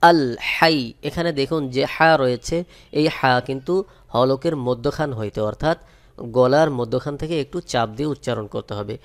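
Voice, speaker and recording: A man teaching Quran recitation, spelling out each letter and vowel and then chanting the words slowly and drawn out. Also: medium pitch. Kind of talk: step-by-step recitation lesson.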